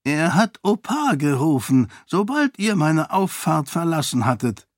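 A man voicing an amused old duke who speaks slowly and teasingly in an audiobook. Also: on the high side, very animated, no room sound, clean studio sound, voice pushed up. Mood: wry, amused. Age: older. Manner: slow, teasing, drawn-out speech.

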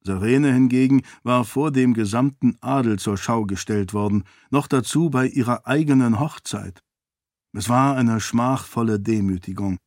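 A man narrating a fantasy novel in calm, even audiobook style. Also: mid-range voice, normal speed, no echo, clean studio sound. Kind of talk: scripted narration.

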